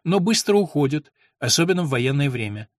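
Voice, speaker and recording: A man voicing an old, smug castle steward who answers in a calm, unruffled manner. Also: fairly high pitch, brisk, no echo, studio quality.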